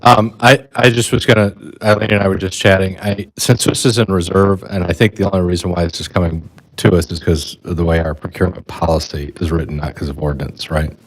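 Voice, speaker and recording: Deep-voiced man chairing a village board. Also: fairly even intonation, low-quality recording. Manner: brisk, reads procedure aloud, quick asides. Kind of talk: procedural meeting chairing. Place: village board meeting room.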